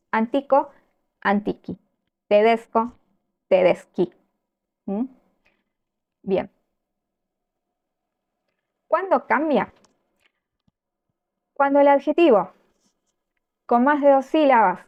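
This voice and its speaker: A woman teaching an online grammar lesson, patient and methodical, pausing often to check her students follow and slowing down to pronounce example words. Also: a little high, muffled recording. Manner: patient, explains step by step with frequent check-in questions. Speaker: Italian language teacher.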